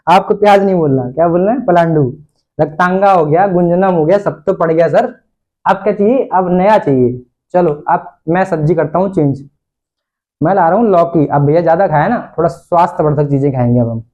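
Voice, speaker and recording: A man's voice: on the high side, dark tone. A male teacher giving an online lesson in a playful way, repeating each question and answer and laughing often.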